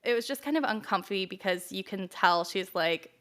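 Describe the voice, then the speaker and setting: A woman's voice: medium pitch, lively intonation, normal speed, fairly bright tone. A young woman co-hosting a podcast, chatting casually with lots of fillers and acted-out quotes. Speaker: podcast co-host. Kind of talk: casual chat recap.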